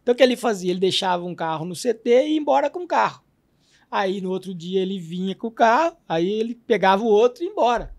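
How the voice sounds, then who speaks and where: Middle-aged Brazilian man, former pro footballer as guest; high, gravelly voice; animated storyteller. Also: quick pace. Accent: Brazilian Portuguese. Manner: animated storyteller, acts out his coach's shouts. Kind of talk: casual interview storytelling.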